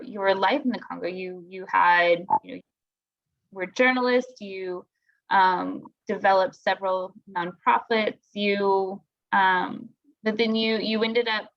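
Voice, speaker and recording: A woman's voice: medium pitch, fairly bright tone. A woman moderating a panel discussion, speaking hesitantly with many restarts. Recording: dull muffled audio.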